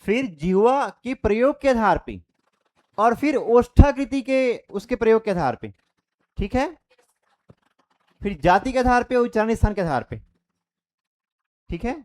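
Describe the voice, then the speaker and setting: This online Hindi grammar teacher is a young man whose very high voice moves expressively. He is unhurried and leaves long pauses, explaining each step, repeatedly checking comprehension and pronouncing vowel sounds for his students.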